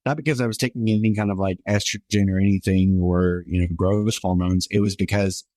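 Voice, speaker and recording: This podcast guest, a man in his twenties, recounts his own story in an earnest, meandering way full of fillers, speaking fairly quickly with fairly even intonation. His voice is somewhat high for a man yet dark in tone, captured in a dry recording.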